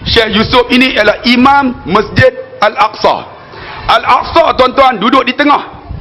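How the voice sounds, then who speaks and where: High-voiced preacher man, northern Malaysian accent. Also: measured pace, bright, forceful tone, a little hiss or hum. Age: 40s. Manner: storytelling, keeps addressing the audience as "tuan-tuan"; jokey asides to the crowd. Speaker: religious preacher. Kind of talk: religious lecture.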